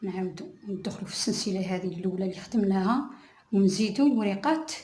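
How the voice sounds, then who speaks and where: A woman teaching crochet step by step, softly counting stitches aloud. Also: mid-range voice, lively intonation, roomy sound, slight background noise. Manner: soft-spoken, counts stitches aloud slowly. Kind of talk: step-by-step tutorial narration.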